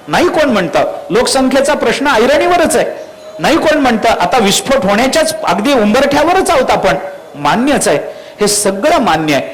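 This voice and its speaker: Brief: male kirtan preacher, Marathwada accent, high voice, peppers the crowd with rhetorical questions, faint ambience behind. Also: a little hiss or hum, low-quality recording. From Marathwada, India. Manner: quotes Sanskrit verses. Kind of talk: devotional kirtan discourse.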